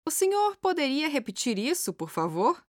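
A woman narrating a language course, reading short phrases in a clear, measured way. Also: high-pitched, sing-song, dry recording, clean studio sound. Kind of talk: scripted instructional reading.

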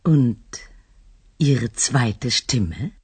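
A husky, wry hotel manager. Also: female voice, very deep voice, lively intonation, very slow, darkish tone, no room sound, exaggerated voice. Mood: amused. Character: ironic female hotel manager, amused.

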